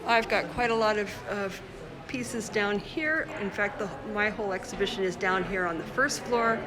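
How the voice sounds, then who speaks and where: A woman artist from the Congo walks through her exhibition at a busy indoor opening, chatting into her phone's mic for a casual livestream and showing her work. Gallery crowd chatter makes the background noisy. She has a mid-range voice and speaks at normal speed.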